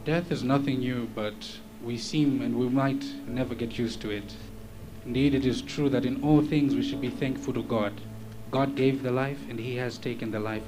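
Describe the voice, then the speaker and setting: A man's voice: mid-range voice, fairly even intonation, normal speed, rough recording. A man giving a formal, solemn funeral tribute and condolences. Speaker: speaker offering condolences. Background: music.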